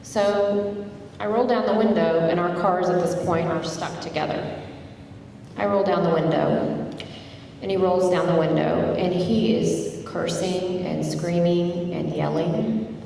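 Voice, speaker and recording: A creaky, low-leaning voice, a little slow, belongs to a middle-aged woman from Tulsa, Oklahoma, who first spoke Turkish. She's telling a personal story in a hall at a community dialogue event, chatty in tone and lively when reliving events. Echo, a distant mic and faint background noise mark the recording.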